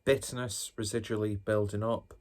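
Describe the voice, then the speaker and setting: Male reviewer, fairly low voice, informal and musing, talking viewers through a tasting with self-deprecating asides. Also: little pitch movement, moderate pace, a little mellow. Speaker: beer reviewer, host.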